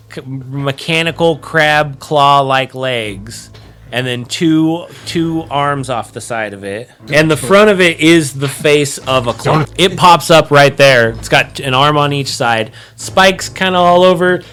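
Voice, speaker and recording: A man narrating a tabletop game as game master, describing scenes with many pauses and restarts. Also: on the high side, a bit bright, smooth. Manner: rambling, searching for words with many likes and restarts.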